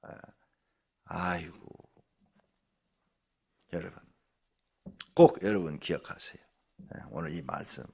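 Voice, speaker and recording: An older man, a pastor, preaching a conversational early-morning sermon, jumping between loud exclamations and near-whispers. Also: low-pitched, takes it slowly, vocal fry, long pauses, slightly rough. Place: church sanctuary.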